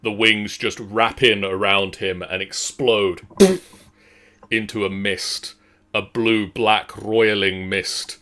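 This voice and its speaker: A man narrating a tabletop game casually as game master, describing things in halting, measured phrases. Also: lowish voice, little pitch movement, sharp tone.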